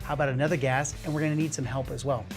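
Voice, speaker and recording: Rapid-fire and mid-range with fairly even intonation, a science show host barrels through a live demonstration as music plays behind. He coaxes his helper with enthusiasm, asking question after rhetorical question.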